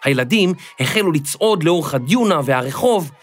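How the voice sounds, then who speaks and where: A man narrating a children's story in a lively, expressive scripted reading. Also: fairly high pitch.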